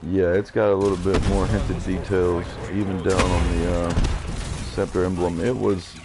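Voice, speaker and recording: Low-voiced man rambling over live gameplay. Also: flat delivery, moderate pace, heavy background noise. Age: 30s. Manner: rambling and chatty, talking to his viewers. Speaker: live game streamer. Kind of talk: casual live gameplay commentary.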